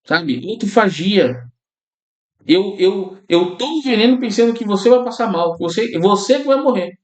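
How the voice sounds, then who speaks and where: Echoey high-voiced preaching pastor. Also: male voice, animated, moderate pace, lo-fi sound. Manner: conversational preaching, often addresses listeners as brothers and tags lines with "né?". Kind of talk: sermon.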